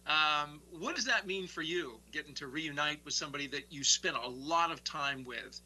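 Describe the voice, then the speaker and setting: A man interviewing for a launch broadcast, conversational, phrasing his questions in a halting way. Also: on the high side, bright, forceful tone, low-quality recording. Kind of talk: live interview over a space link.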